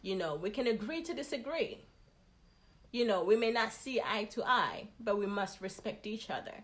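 A woman's voice: mid-range voice, expressive, normal speed. A woman in a casual conversation, speaking emphatically and giving advice drawn from her own experience.

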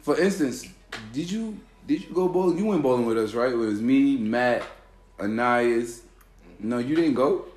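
Relaxed storytelling man, echoey room. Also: medium pitch, normal speed. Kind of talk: casual chat, telling a story.

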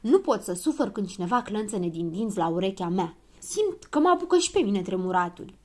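A woman's voice: medium pitch, very animated, a little mellow. A woman voicing a grumpy little dwarf man who grumbles and sounds suspicious. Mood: grumbling.

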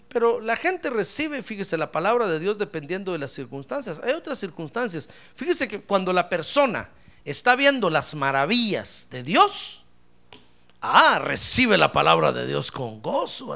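A man preaching a lively, humorous sermon as a pastor, speaking fervently, crying out praise and often calling his listener brother. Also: high voice, vocal fry. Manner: fervent, jokes, cries out praise, keeps addressing "hermano".

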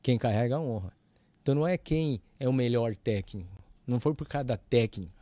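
A man's voice: mid-range voice, fairly quick, no room sound. A man, a church audio ministry leader, telling his testimony as a guest in a casual way and acting out both sides of each exchange. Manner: lively, acts out both sides of dialogues.

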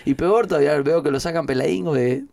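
Gravelly man, slangy chat. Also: a little high, fast talker, dry recording. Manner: relaxed, slangy, rambling with restarts. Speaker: musician guest. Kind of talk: casual podcast conversation.

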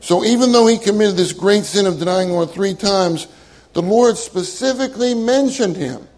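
A man with a high, light voice delivers an earnest sermon. He leans on his key phrases and repeats them for emphasis, speaking straight to his congregation. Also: moderate pace, a little mellow, low-quality recording. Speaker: minister.

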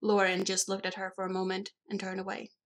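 A woman narrating a novel in a steady, even storytelling manner. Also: mid-range voice, fast. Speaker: audiobook reader. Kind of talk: scripted narration.

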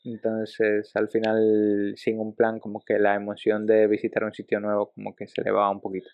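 A young man from Ecuador with a Dominican Spanish accent, co-hosting a podcast in casual chat, speaking in a measured, hesitant way. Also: lowish voice, completely flat delivery, dry recording. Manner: measured, hesitant, soft chuckles. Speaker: podcast co-host. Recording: dull dry lo-fi sound.

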